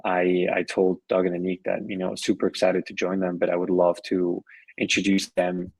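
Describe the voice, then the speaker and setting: A middle-aged venture investor from Switzerland and Colombia is a guest on a podcast, talking in an easygoing, conversational way with frequent restarts and repeated words. His low voice is completely flat at normal speed, in a dry recording.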